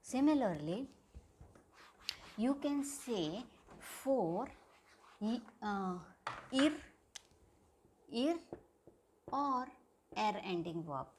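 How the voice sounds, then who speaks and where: A woman teaching a grammar lesson at a board, speaking slowly and repeating key words for emphasis. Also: medium pitch, expressive, a little mellow, slight background noise. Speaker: Spanish teacher.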